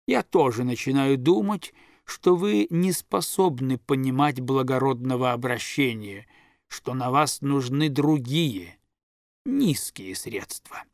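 A man voicing a stern old countess grandmother who speaks slowly and with command, in a dry, close recording. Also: medium pitch, dry recording. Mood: reproachful. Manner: slow, commanding, reproachful.

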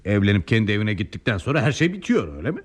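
Deep-voiced stern old father, radio drama. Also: big pitch swings. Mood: reproachful. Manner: lecturing, reproachful, deliberate emphatic repetition. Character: stern, reproachful elderly lawyer father, defensive and wounded.

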